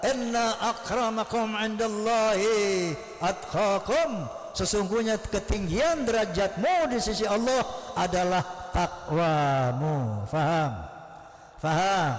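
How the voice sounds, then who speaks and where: A man, preaching a lively sermon in a mosque and breaking into chanted Arabic recitation. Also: sits high. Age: 70s. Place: mosque prayer hall. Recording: roomy hall with long echo.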